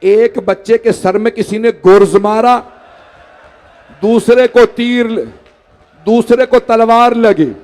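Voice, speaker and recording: High-voiced man wailing a sermon. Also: little pitch movement, slow pace, long pauses, darkish tone. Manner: pleading, rising to wailing lament. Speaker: majlis orator. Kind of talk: mournful sermon recitation. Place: mosque hall.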